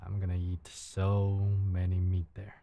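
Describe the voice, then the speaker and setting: A young man from China, Mandarin being his native tongue, hosts a casual livestream at home late at night, repeating words often as he gropes for English in his Chinese accent. His low, warm voice is completely flat and unhurried.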